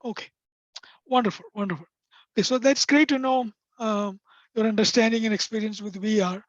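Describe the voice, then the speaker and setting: Presenting on vocational rehabilitation over a video call, a non-native English-speaking man talks in a soft, high-pitched voice that can be hard to make out. His tone is steady, but he is hesitant and leans on frequent pauses and fillers; the audio is dry and dull.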